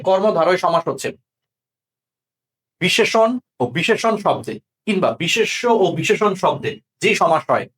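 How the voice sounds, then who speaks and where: Fast-talking young male tutor. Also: a little high. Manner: checks understanding often with quick questions. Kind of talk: exam-prep grammar lesson.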